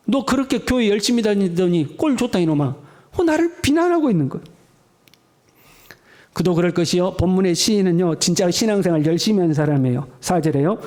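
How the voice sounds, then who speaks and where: A man's voice: a little high, darkish tone. A male pastor, preaching a sermon in a conversational style and acting out the voices of mocking people.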